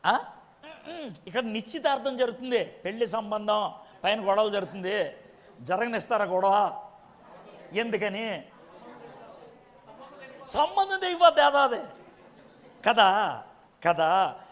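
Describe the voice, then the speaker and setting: A man's voice: sits high, lively intonation, slow pace, long pauses, a bit bright, some chatter behind. A male pastor preaching a sermon, constantly firing rhetorical questions at the congregation and scolding them. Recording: long hall reverb.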